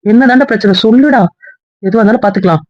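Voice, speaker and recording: Pushy teasing friend, rapid-fire nagging, lo-fi audio drama, a man putting it on. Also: high-pitched, no echo, pitched above the performer's own voice, lightly acted. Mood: pressing. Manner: insistent, nagging questions. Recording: dull lo-fi recording.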